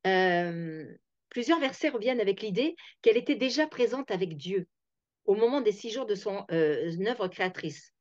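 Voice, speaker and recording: A woman's voice: mid-range voice, lively intonation, normal speed, a little mellow, dry recording. A woman hosting a reflective talk, thinking aloud with many fillers and restarts. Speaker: host. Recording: dull, dry lo-fi sound.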